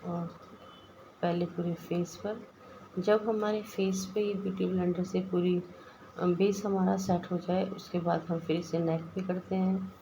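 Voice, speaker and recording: A woman's voice: fairly low pitch, flat delivery, unhurried, noisy background. A woman with an Indian Hindi accent, a makeup artist explaining each step of a makeup tutorial in a voice-over and calling her viewers guys.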